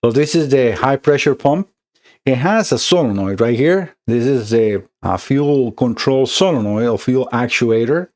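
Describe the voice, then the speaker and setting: Working as a technician, a middle-aged Costa Rican man explains an electronics repair conversationally in a Costa Rican Spanish accent, stumbling through many fillers and restarts. His medium-pitched voice is animated, unhurried and a little mellow.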